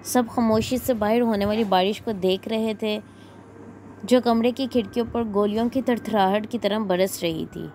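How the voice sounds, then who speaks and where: A woman reading a horror story aloud in a measured storytelling manner. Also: mid-range voice, mellow, slight background noise. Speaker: narrator.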